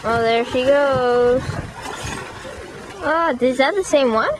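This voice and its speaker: Woman behind a camcorder outdoors by a lake, excited and chatty, slow and high-pitched, noisy outdoor sound. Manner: excited, cheering on dogs, giving instructions. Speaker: person filming dogs at a lake. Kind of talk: casual home video chat. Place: lakeshore outdoors. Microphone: camcorder mic.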